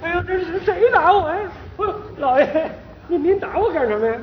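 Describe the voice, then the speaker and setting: A woman voicing a flustered, put-upon male servant who stammers and protests loudly, on a noisy lo-fi recording. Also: very high-pitched, expressive, normal speed, some chatter behind. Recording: lo-fi recording in a noisy echoey hall.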